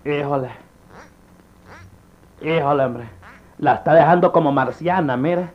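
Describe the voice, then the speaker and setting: Man as a highish folksy wisecracking sidekick. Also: a little slow, muffled recording, close to an everyday voice. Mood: wry, fretting. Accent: Central American. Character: folksy rustic male sidekick, wisecracking, touchy. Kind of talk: slapstick comedy sketch acting.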